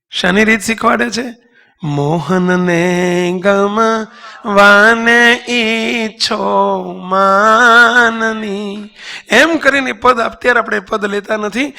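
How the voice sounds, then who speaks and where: A man preaching a devotional sermon, telling a story with voiced characters and slowly sung verses. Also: high voice, vocal fry, pushed and bright. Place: temple congregation.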